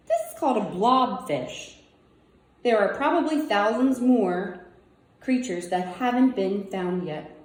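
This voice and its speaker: In a roomy, echoing indoor space, a woman with a warm, medium-pitched voice reads a children's nonfiction book aloud. She uses simple child-directed phrasing and wonders aloud in casual asides.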